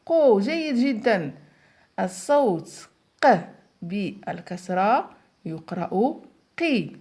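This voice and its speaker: Woman, primary teacher, high-ish voice, very slow drawn-out delivery, encouraging phonics lesson. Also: a little mellow. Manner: slow, drawn-out word modelling with frequent praise. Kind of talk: phonics lesson for young children.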